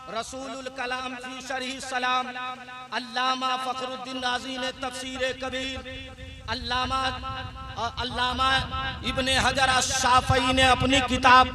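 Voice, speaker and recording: A man preaching an Islamic sermon at a large gathering. He builds to shouted climaxes and jokes and banters with the crowd. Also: very high voice. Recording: loud crowd at a live gathering.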